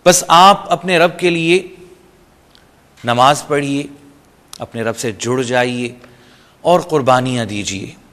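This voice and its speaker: A man's voice: mid-range voice, a bit bright. Man teaching with a long echo. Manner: patient step-by-step explaining, mixing in English terms; recites short Arabic phrases slowly between explanations. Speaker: Quran reading teacher. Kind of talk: explanatory lesson.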